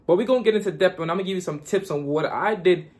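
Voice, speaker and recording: A man's voice: high voice, rapid-fire, a little mellow. A young man from Guyana vlogging casually and giving hyped, repetitive motivational advice.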